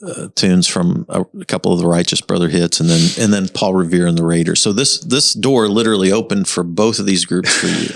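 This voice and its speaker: A man hosting a podcast interview in casual chat, halting with frequent restarts. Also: low-pitched, steady tone, creaky, no room sound. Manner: halting, with many restarts and "you know". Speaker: podcast host.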